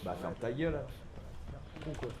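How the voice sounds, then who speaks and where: A man's voice: medium pitch, expressive, normal speed, noisy background. A man streaming a game with friends, brash, crude and joking. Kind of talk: live-stream gaming banter.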